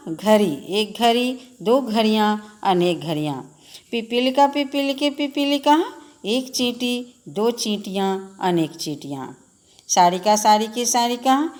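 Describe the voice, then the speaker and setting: A woman teacher giving a lesson to children, reciting word forms in a sing-song drill and speaking to them patiently. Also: mid-range voice. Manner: addresses children directly, patient and instructive.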